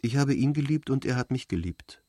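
A man reading aloud voices a calm, gentle young woman who speaks plainly and quietly. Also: medium pitch, a little fast, breathy edge, no room sound, voice pushed up.

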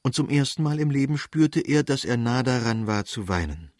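A male audiobook narrator reads literary prose in a measured, even manner. His voice is at a middle pitch for a man. The recording is close and dry, with no room sound. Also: no echo.

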